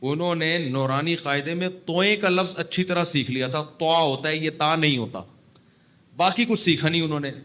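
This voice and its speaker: A man delivers a religious talk with a slightly high-pitched voice. He sounds relaxed and anecdotal, moving easily into dry humor and firm scolding. He acts out sung phrases by stretching the words. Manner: chatty and wry, acting out the call to prayer by stretching words. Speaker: Islamic scholar giving a talk. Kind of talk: conversational religious lecture in Urdu.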